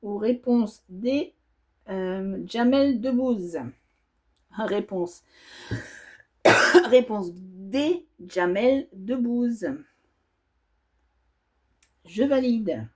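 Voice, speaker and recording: A woman's voice: fairly high pitch, very slow, long pauses, a little mellow. A woman vlogger stitching as she talks, reading quiz options aloud and musing over them with hesitations. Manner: stitching while talking. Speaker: embroidery vlogger. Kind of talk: casual quiz while stitching.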